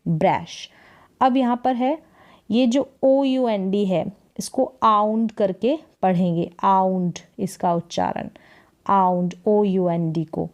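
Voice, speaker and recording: Slow, patient woman teaching phonics. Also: mid-range voice, darkish tone, muffled recording. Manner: patient, sounds words out syllable by syllable, quizzes the viewer. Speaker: English reading teacher.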